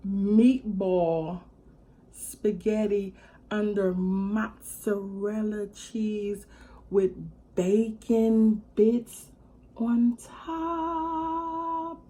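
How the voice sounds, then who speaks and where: A woman hosting her eating vlog, chatting casually and greeting viewers with drawn-out excitement, with hushed whispered asides between bites. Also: mid-range voice. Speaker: mukbang channel host.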